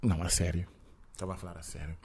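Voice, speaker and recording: A middle-aged Senegalese man with a French-tinged accent answers interview questions as a guest, measured and reflective, hesitating often. His voice is low and darkish with a breathy edge and a flat delivery.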